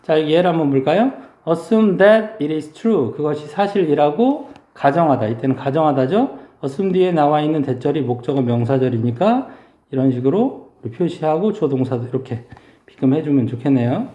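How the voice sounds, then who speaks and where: A male English teacher giving a vocabulary lesson, explaining slowly and drawing out English words to model their pronunciation. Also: a little high, expressive, mellow, roomy sound, lo-fi sound.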